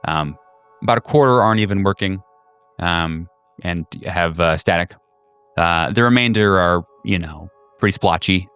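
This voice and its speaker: A man improvising tabletop game narration as game master, halting as he searches for words. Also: deep voice, clear, resonant tone, no echo. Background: soft music.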